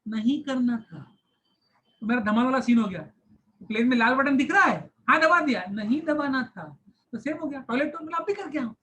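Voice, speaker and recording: A man's voice: very high voice, animated, normal speed, bright, forceful tone, slight background noise, rough recording. A male teacher in his thirties breaks from the lesson to tell a comic story about himself. He talks animatedly, switches between Hindi and English phrases, and acts out groans of pain along the way. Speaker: science teacher. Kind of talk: storytelling aside in a class.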